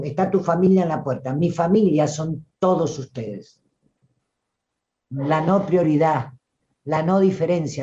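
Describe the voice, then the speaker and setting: Rioplatense-accented spiritual teacher, preachy and emphatic, mid-pitched, muffled lo-fi recording. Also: a little mellow. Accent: Rioplatense Spanish. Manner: emphatic, preachy, full of rhetorical questions. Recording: dull lo-fi recording.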